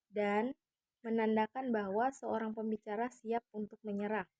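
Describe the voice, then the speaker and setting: A woman student giving a measured class presentation, switching between English and Indonesian. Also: a little high, steady tone, darkish tone, no room sound, low-quality recording.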